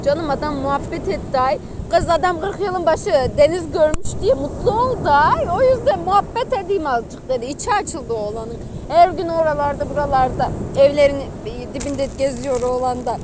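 A high-voiced woman with a Sivas accent tells stories in a casual, animated, gossipy way, full of folksy exclamations. She is outdoors, with clear wind, water and engine noise around her. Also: normal speed, few pauses. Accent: Sivas, central Anatolian Turkish. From Sivas, Turkey. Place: outdoors by the sea.

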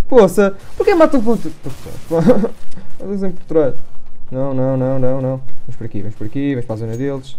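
A young man with a European Portuguese accent, commentating his own online shooter match, excitable and self-mocking, repeating words in rapid bursts. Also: mid-range voice, slight background noise. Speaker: gaming youtuber. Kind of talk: live gameplay commentary. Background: gunfire from the game.

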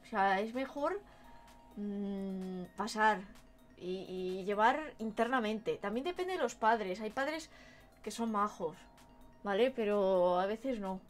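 A woman's voice: mid-range voice, expressive, slow pace, faint music behind. A woman with a Madrid Spanish accent, a cute anime-style streamer reacting casually and expressively on a livestream. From Madrid, Spain. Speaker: VTuber streamer.

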